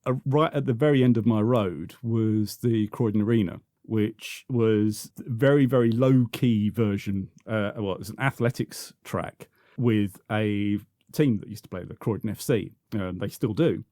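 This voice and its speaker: A man's voice: on the low side, unhurried, mellow, dry recording, clean studio sound. A man, reminiscing as a podcast guest, full of restarts and repeated words. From South London, England. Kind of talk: reminiscing conversational interview.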